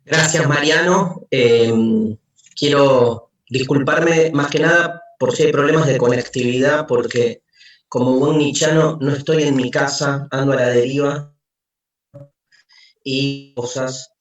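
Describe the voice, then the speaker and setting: A man speaking on a video call from away from home, giving a slow, theatrical reading full of sweeping rhetorical questions. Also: medium pitch, steady tone, muffled recording. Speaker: philosophy lecturer. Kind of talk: dramatic reading in an online talk. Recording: echoey, distant video call audio.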